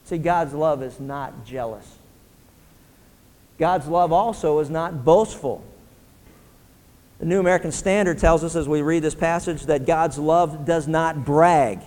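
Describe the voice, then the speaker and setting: A man preaching a sermon as pastor, speaking conversationally and moving between soft, prayerful passages and emphatic points. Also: a little high, a little slow, pauses often, in a large hall.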